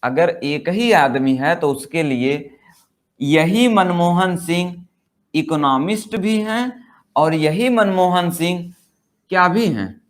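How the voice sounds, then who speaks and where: Slow-paced grammar teacher, man. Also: sits high. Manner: slow, explanatory, repeats points and asks rhetorical questions; reads English example sentences very slowly, word by word. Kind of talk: Hindi-language grammar lesson.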